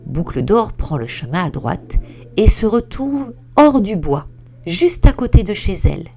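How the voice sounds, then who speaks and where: A woman reading a children's story aloud in a slow, expressive, sing-song way. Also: mid-range voice, soft background music.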